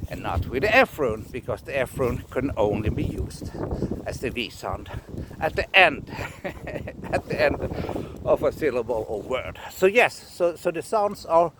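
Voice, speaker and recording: Halting man explaining runes. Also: on the high side, big pitch swings, background noise. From Scandinavia. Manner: halting, repeats words, laughs often. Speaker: runologist teacher. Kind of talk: casual explanatory lesson.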